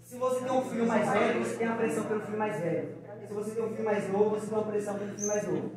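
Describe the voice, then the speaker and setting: A man's voice: high-pitched, fairly even intonation, rapid-fire. A man giving an informal motivational talk to mothers at a school. He speaks in a chatty way and acts out little family dialogues. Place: large school hall with an audience. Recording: very echoey hall, mic far off, crowd.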